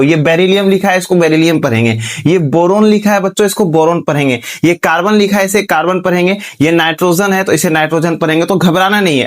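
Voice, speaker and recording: A male teacher giving a classroom lecture, asking students questions, answering them himself, and spelling words out letter by letter. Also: high voice. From Bihar, India.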